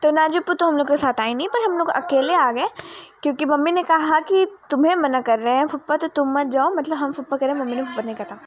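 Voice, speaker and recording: A young woman tells a rambling family story for her vlog, dropping English words into her sentences. Her voice sits high. She sounds relaxed and chatty as she walks through the village outdoors. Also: brisk, a little hiss or hum. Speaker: vlogger. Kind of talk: casual family vlog narration.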